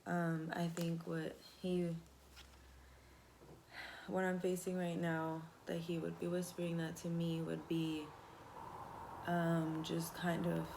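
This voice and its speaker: Soft, gravelly low-voiced woman. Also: completely flat delivery, a little hiss or hum. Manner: soft-spoken and hesitant, with many pauses and fillers. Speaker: channel host reading a daily devotional. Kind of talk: reading aloud, then casual personal reflection.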